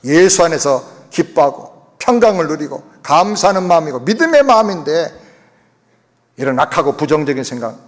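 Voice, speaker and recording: High, lively-voiced male pastor preaching. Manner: emphatic preaching to the congregation. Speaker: senior pastor. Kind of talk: sermon. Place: church sanctuary. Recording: long reverb of a church hall.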